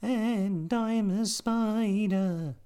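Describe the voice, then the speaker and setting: A man doing a tiny squeaky spider. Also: drawn-out words, dark tone, clean tone. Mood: pleading. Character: tiny timid spider, pleading.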